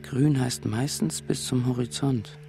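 Gravelly man narrating over music. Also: medium pitch, fairly even intonation, unhurried, warm tone. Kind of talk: literary audio drama narration.

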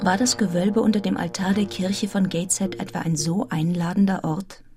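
A woman's voice: fairly low pitch, fairly even intonation, normal speed, music in the background, natural voice. An actress narrating a literary audio drama as a grown woman reflectively recounting a grim orphan childhood. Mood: reflective, sombre.

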